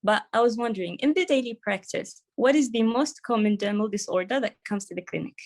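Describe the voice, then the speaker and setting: A woman's voice: a little high, brisk, darkish tone. A young woman co-hosting a podcast, reading prepared interview questions in an eager, upbeat way. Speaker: podcast co-host.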